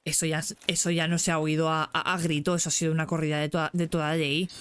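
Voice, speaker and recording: Excitable young Spanish woman streaming. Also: deep voice, quick pace, smooth. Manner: chatty and excitable, breaks into squeals. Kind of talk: casual gameplay commentary.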